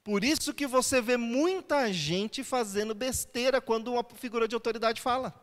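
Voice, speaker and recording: A male pastor with a notably high voice teaches in a relaxed, conversational way, often asking the room rhetorical questions. His words hang in a long church reverb. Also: normal speed. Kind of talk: sermon.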